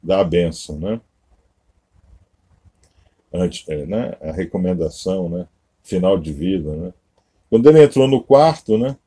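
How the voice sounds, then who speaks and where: A man's voice: sits low, lively intonation, unhurried, long pauses, warm tone, breathy edge. A Brazilian man giving a conversational teaching sermon, tagging almost every phrase with a questioning aside. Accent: Brazilian Portuguese. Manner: conversational, constant "né?" and "tá?" tags. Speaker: Masonic-Kabbalistic teacher.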